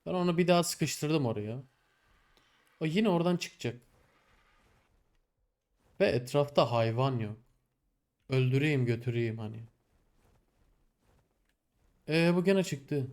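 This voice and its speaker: A young man narrates his survival game in casual commentary, talking straight to the game and to his animals. His voice sits at a middle pitch, and he drops into quiet muttering, then flares up into loud, exasperated complaints. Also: a little slow, pauses often. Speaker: gameplay streamer.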